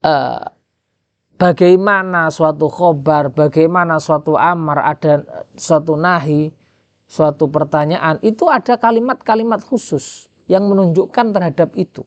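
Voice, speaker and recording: Male pesantren teacher, Javanese accent, somewhat high voice, reads Arabic and translates line by line, dull lo-fi sound. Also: unhurried, dry recording. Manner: quizzes listeners with rhetorical questions. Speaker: Islamic jurisprudence teacher. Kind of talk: kitab lesson, reading and translating Arabic.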